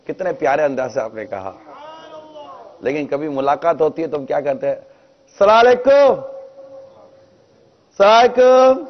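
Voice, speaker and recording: A man's voice: mid-range voice, long pauses, slight background noise. A man gives a religious talk to a congregation in a mosque, often asking them rhetorical questions. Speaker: preacher. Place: mosque hall. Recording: dull, lo-fi recording.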